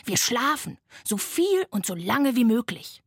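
A woman's voice: fairly high pitch, very animated, measured pace, no room sound, clean studio sound, full character voice. A woman doing a grumpy drawling sloth. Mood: easygoing. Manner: gruff, slangy, drawling. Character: grumpy, laid-back lazy sloth.

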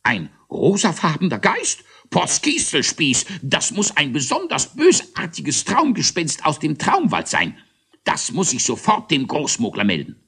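A man voicing an excitable creature guard captain who blurts out alarmed exclamations. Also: on the high side, measured pace, slightly rough, pitched above the performer's own voice, heavily acted.

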